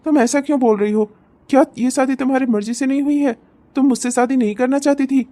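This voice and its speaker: A woman's voice: high voice, fairly even intonation, quick pace, warm tone, no room sound, lightly acted. A woman voicing a young husband in a cartoon, firm and reasoning in the way he talks. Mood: calm. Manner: stern, then reasoning. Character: young husband, bossy at first, then calm.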